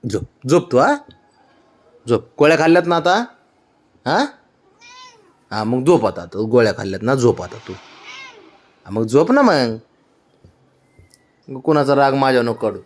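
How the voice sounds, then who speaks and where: A man's voice: mid-range voice, big pitch swings, a little slow, pauses often. A man at home talking fondly to his pet cat, teasing it with coaxing questions. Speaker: cat owner. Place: home, indoors.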